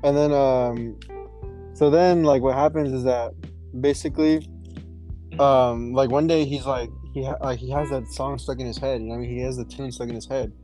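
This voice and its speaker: A man's voice: medium pitch, fairly even intonation, normal speed, dark tone, faint music behind, rough recording. A young man casually retelling a story to friends, rambling with many fillers. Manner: rambling, lots of "like" and "you know". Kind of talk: casual chat.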